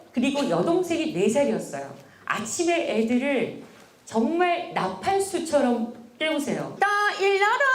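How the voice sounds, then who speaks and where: Woman lecturer, high voice, bouncy delivery, echoey hall. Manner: animated, playful, addresses audience directly. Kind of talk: motivational lecture.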